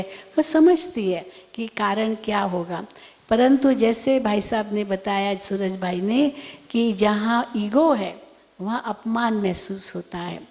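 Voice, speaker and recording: Slow-speaking woman spiritual teacher, reverberant hall. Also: mid-range voice, darkish tone. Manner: patient, explains with homely examples and rhetorical questions. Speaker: spiritual teacher answering questions. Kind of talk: spiritual talk.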